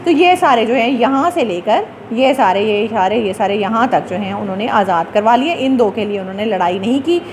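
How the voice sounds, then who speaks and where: A woman teacher lecturing a class. She explains English words slowly, with many fillers and restarts. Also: a little high, a little hiss or hum.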